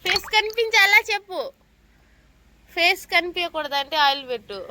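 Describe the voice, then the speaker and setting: A woman's voice: very high voice, moderate pace, background noise. A woman vlogger chatting casually at home in a playful, teasing, coaxing way. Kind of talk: casual home vlog chat.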